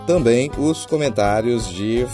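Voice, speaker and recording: Over music, a Brazilian podcast host speaks slowly in a medium-pitched voice, keeping things informal and wryly funny. The show mixes casual hosting with a scripted comic skit.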